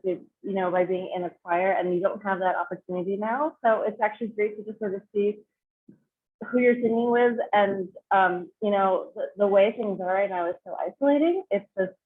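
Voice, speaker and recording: A woman leading an online choir sectional, chatty and full of fillers and restarts. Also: medium pitch. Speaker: choir clinician. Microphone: video call. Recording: tinny video call audio, faint noise.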